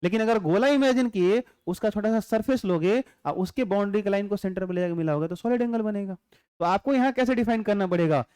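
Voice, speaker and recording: A man teaching physics in a calm, unhurried way, chatting and joking with students and often checking whether they follow. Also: high-pitched, clean tone, no room sound, studio quality. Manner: chatty, joking asides, constant rhetorical check-ins. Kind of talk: classroom lecture.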